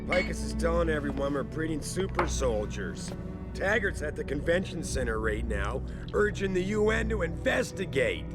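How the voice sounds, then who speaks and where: An actor playing an intense, persuasive corporate boss in a video game, speaking in a dramatic, emphatic way. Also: male voice, on the high side, big pitch swings, moderate pace. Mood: exasperated. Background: loud music.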